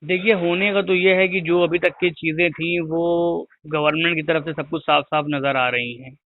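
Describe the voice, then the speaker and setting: A teacher patiently explaining to a caller over a crackly cordless phone line, repeating his points until they are clear. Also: on the high side, fairly even intonation, moderate pace. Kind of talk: phone call advice. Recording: tinny, noisy phone line.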